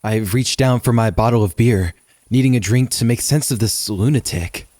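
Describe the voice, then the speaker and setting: A man narrating a first-person horror story in a steady, measured way. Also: medium pitch, no room sound, studio quality.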